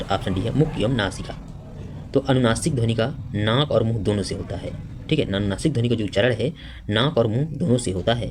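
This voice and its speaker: A man with an ordinary male pitch and a slightly mellow voice teaches an exam-prep grammar lesson, reading each question and its options aloud before explaining the answer step by step. He speaks in an unhurried, conversational way with frequent fillers, and the recording has a little hiss or hum.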